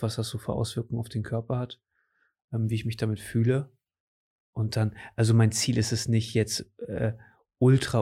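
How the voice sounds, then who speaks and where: A man in his late twenties talks casually about his training goals, rambling with lots of fillers and restarting his sentences. His voice is mid-range and warm.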